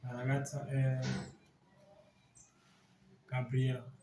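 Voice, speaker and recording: Young man in his twenties, student, slow careful answers, monotone, faint hiss. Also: mid-range voice. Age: 20s. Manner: careful, hesitant learner answers. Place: classroom. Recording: echoey room from a distance, faint hiss.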